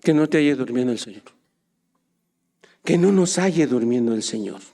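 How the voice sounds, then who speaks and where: A man preaching a sermon, swinging from soft low asides to loud, urgent exhortation. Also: expressive, moderate pace.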